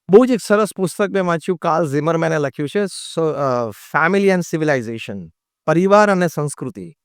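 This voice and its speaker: High, resonant man preaching. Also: no room sound, clean studio sound. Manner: lively, mixes English phrases, acts out quoted voices. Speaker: monk giving a religious talk. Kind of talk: motivational sermon.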